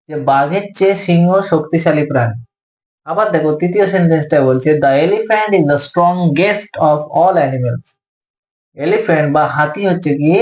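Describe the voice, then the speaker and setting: A man's voice: on the high side, reverberant, poor audio. A man with a Bengali accent explaining English grammar, patient and repetitive, asking and answering his own questions. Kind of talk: explanatory lesson.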